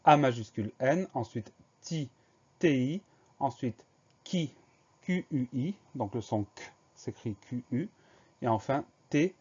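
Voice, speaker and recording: Man slowly spelling out words, dull audio. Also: mid-range voice, dark tone. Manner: slow, careful letter-by-letter spelling. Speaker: teacher. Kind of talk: spelling dictation lesson.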